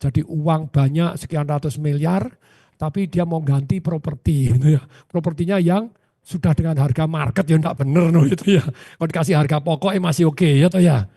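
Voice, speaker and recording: Brief: male seminar speaker, lively with audience questions, high and gravelly voice. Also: moderate pace, dry recording, studio quality. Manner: animated, with frequent rhetorical questions to the audience. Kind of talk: motivational seminar talk.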